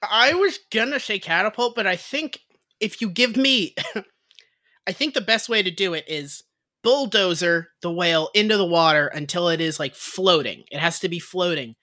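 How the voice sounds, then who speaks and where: A woman's voice: lowish voice, animated, normal speed, bright, forceful tone. A woman co-hosting a casual comedy podcast, rambling with lots of "like" and frequent laughter. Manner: rambling, filler-heavy, laughs often. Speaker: podcast co-host.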